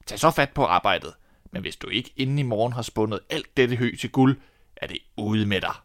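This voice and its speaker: Greedy king, stern, commanding, louder, dry close read, man voicing. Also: mid-range voice, lively intonation, dry recording, lightly acted.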